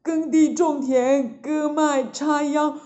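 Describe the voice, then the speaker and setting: A woman's voice: high-pitched, fairly even intonation, takes it slowly, warm tone, pitched above the performer's own voice. A woman voicing a clumsy, good-natured pig demon who stammers and chuckles as he brags. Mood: bragging. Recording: echoey, dull lo-fi recording.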